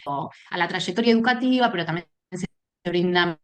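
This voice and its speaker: Woman, psychologist on a choppy glitching call, lowish voice, halting delivery. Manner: halting, with many restarts and fillers. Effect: choppy audio cutting out on a bad connection. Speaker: psychologist presenting a case. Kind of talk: professional group discussion. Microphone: video call.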